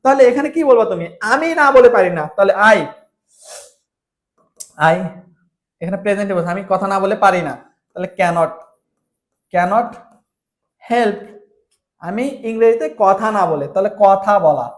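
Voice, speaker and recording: A man's voice: sits high, expressive, normal speed, pauses often. A man with a Bangladeshi Bengali accent teaching English grammar, spelling words letter by letter and often checking that his students follow. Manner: calls students brother, asks if they follow. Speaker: English tutor. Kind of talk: online grammar lesson.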